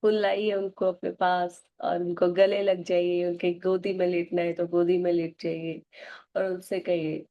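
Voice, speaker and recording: Soft-spoken woman leading a gratitude practice. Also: lowish voice, flat delivery, highs cut off. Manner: slow, soft, emotional affirmations. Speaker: self-help video host.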